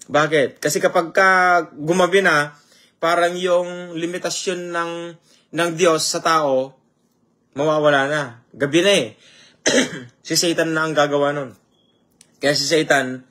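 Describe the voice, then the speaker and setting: In a slightly high, fairly bright voice, a preacher peppers his audience with rhetorical questions and slips English phrases into his sermon. Mid-sermon, he stops to greet viewers by name.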